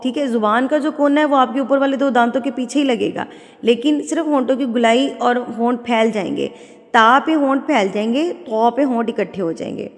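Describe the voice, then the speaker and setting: A woman's voice: a little high, long reverb tail. A woman teaching Quran recitation to beginners, explaining step by step and patiently repeating letter sounds. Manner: explains step by step, asks "theek hai?" often. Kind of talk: tajweed lesson for beginners.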